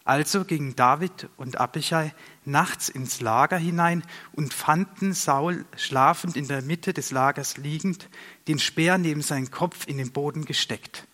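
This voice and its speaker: A man narrating a Bible story aloud in a steady, measured storytelling manner. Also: fairly high pitch. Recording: long reverb.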